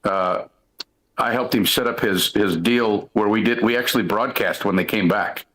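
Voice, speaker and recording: A man's voice: lowish voice, moderate pace, fairly bright tone, poor audio. Rambling man talking sports. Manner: rambling, storytelling, frequent restarts and "listen". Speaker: sports talk show co-host, former coach. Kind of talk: casual sports talk.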